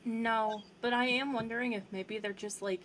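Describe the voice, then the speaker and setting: A young adult woman co-hosting a casual podcast, rambling deadpan with lots of "like.". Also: a little high, normal speed, slight background noise. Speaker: podcast co-host. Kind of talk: casual chat.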